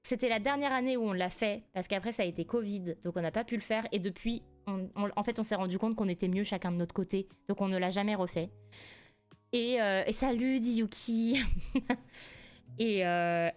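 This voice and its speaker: A young woman from France in her twenties, streaming live and telling a family story in a casual, animated way, laughing often. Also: medium pitch, moderate pace, soft background music. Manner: animated, laughs often, rises sharply when indignant.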